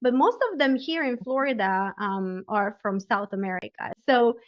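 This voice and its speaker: A woman with a Romanian accent, speaking as a podcast guest in an earnest, gently emphatic way. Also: a little high, normal speed. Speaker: guest, spiritual life coach. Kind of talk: casual interview chat. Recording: dull lo-fi audio.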